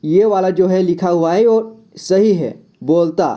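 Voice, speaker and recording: A man teaching a reading lesson in a patient, casual way, repeating words slowly and spelling them out letter by letter, with a frequent "okay" between steps. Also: high voice, dark tone. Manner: fills gaps with a frequent 'okay'.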